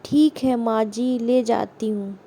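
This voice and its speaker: A woman voicing a calm, polite, dutiful young daughter-in-law. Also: fairly high pitch, slow pace. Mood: patient.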